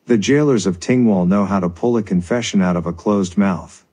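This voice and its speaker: A stern male bailiff with a formal, menacing manner, as a storyteller puts him on. His voice sits low and has a husky edge. This is a storybook reading. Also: moderate pace, dark tone.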